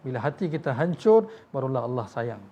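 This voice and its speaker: His delivery is sing-song and a little fast, at a medium pitch with a mellow quality. He is a Malaysian Malay-accented preacher whose sermon relies on emotional storytelling, voiced quotations of figures, and direct address to the audience as tuan-tuan.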